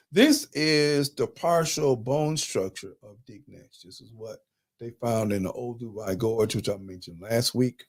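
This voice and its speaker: Man, conversational lecture, emphatic, wandering, mid-pitched voice. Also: a little mellow. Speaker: host. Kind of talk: live talk presenting slides.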